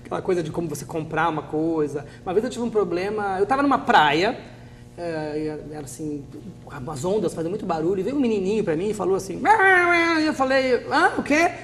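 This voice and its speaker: A middle-aged Brazilian man with a Brazilian Portuguese accent, an English teacher guest telling lively stories in a TV interview and acting out what people said. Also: high voice, fast, slight background noise. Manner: animated, acts out quoted speech, laughs often. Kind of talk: TV interview storytelling.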